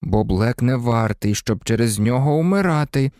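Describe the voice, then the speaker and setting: A man voicing a blunt teenage schoolboy who is quick to take offence. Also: medium pitch, animated, darkish tone, smooth, dry recording, clean studio sound, lightly acted. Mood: indignant. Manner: blunt, indignant.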